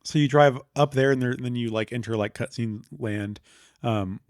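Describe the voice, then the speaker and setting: A man's voice: mid-range voice, moderate pace, dry recording, studio quality. A man co-hosting a casual podcast chat, rambling through a story with lots of "like" and "um". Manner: rambling with many fillers, retelling a game story. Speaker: podcast co-host.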